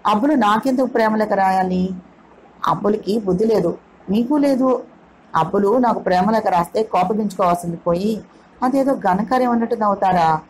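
A woman voicing a proud, quick-tempered young woman in an audio novel, speaking fast and heatedly. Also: mid-range voice, a little hiss or hum, natural voice, rough recording. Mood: scolding.

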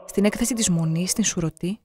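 A narrator reading scripted documentary passages in a measured, solemn way. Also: mid-range voice, darkish tone.

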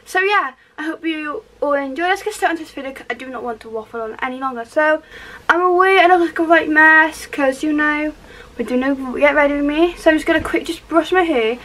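Welsh teen girl vlogger, high bright voice, loose upbeat bedroom chatter. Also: fairly quick, poor audio. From Wales. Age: teens. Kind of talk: casual get-ready-with-me chat. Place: small bedroom indoors.

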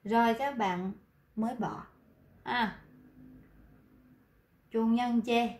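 A woman's voice: fairly high pitch, steady tone, extremely slow, a little mellow, reverberant. A Vietnamese woman teaching beginner Korean, explaining words to her students with many repetitions and fillers. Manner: repeats words and fills gaps with "à", addresses students directly. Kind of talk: classroom lesson explaining vocabulary.

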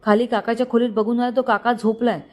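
A bossy young man, drunk and furious, barks orders and insults in a raised, higher-than-usual voice, as a woman reads him out. He snaps every line, spoken aloud from a storybook. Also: level tone, fast talker, natural voice. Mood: agitated. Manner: shouting, abusive.

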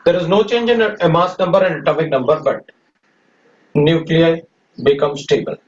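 A man with an Indian accent teaching chemistry. He repeats lines slowly for his students to copy, then explains quickly in mixed Hindi and English. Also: sits high, animated. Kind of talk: classroom lecture. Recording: echoey room, distant dull mic, faint noise.

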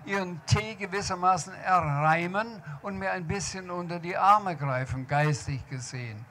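A man's voice: sits high, moderate pace, sharp tone, slight background noise, voice pushed up. Man reading as a genteel, fussy old gent. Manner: genteel, a little condescending. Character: fussy polite older gentleman poet.

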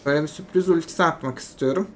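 Excitable gamer narrating own match. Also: mid-range voice, rapid-fire. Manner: excitable, swings between frustration and hype, talks himself calm. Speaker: game streamer. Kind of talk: live gameplay commentary.

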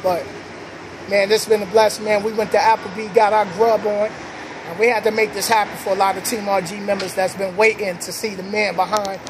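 A man's voice: high-pitched, level tone, brisk. A man in his thirties with a New York accent, from the Bronx, hosting a casual vlog in upbeat street slang, filming himself on a phone at night on a city sidewalk under an elevated train. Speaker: vlogger host. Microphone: phone camera at arm's length. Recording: loud passing train noise outdoors.

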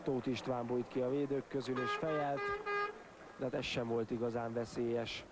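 A man's voice: medium pitch, level tone. A man giving sports commentary on a football match in clipped phrases, naming players and lifting his voice at chances. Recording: stadium crowd noise behind commentary. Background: football crowd.

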